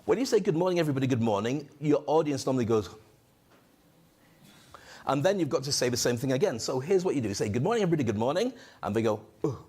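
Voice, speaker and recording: Holding a handheld mic on a conference stage, a man hosts the event and coaches on public speaking. His medium-pitched, slightly rough voice moves at a quick pace as he jokes, gets animated and fires up the crowd.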